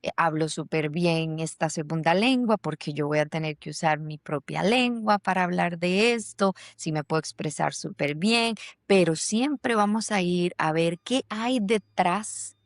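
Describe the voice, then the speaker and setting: Recorded at studio quality with no echo, a Germany-based podcast host with a fairly low voice talks in an unhurried, reflective way. Her conversational delivery is full of fillers and restarted sentences.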